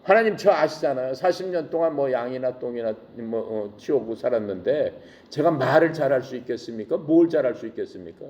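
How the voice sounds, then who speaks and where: A man's voice: medium pitch, expressive, fairly quick, a little mellow, muffled recording, close to an everyday voice. A man voicing Moses as a timid, pleading figure who keeps making excuses. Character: timid, whining middle-aged man Moses.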